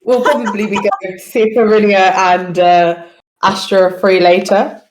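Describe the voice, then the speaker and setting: A woman playing a brash young rogue woman who shrugs off accusations in a blunt, offhand way. Her voice is mid-pitched and rings in an echoey room. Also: fairly even intonation, normal speed, darkish tone, a little hiss or hum, close to an everyday voice.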